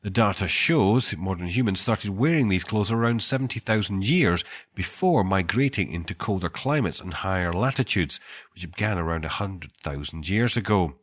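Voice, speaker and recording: A man with a cold, reading archaeology news as host with wry deadpan asides and a husky voice. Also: low-pitched, normal speed.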